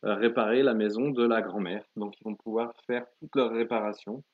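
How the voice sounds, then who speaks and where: A man co-hosting a live board-game stream, explaining rules and results in a relaxed way. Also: fairly low pitch, brisk, narrow, tinny audio. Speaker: co-host of a board-game channel. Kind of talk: casual live game chat.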